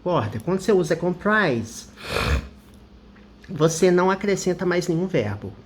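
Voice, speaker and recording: A Brazilian woman teaching English vocabulary, who reads her example sentences slowly and carefully. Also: fairly low pitch, sing-song, slight background noise.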